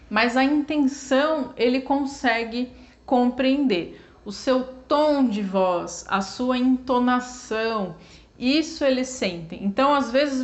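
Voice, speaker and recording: Brief: Brazilian woman, cat vlogger, a bit higher voice, casual and talky, slightly dull recording. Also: a bit bright. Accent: Brazilian Portuguese. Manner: chatty, sprinkles tag questions, acts out quoted owners. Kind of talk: casual explanatory talk to camera.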